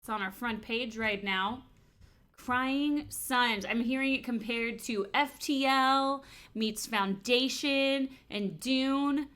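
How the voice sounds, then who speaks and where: Bright, chatty woman streamer. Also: fairly high pitch, slow. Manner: chatty, self-correcting, greets chat viewers. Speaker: livestream host. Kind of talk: casual livestream chat.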